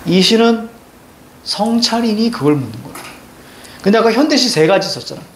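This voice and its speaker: High-voiced, brisk male lecturer. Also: a little hiss or hum. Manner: energetic, drills students with repeated questions. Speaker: teacher. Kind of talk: online lecture.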